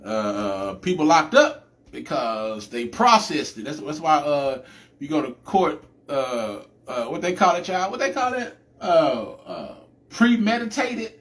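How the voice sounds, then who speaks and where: Male podcast host, lively swinging delivery, pitched a bit high, preachy casual monologue. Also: measured pace. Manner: animated, chatty, preacher-like cadence with many restarts.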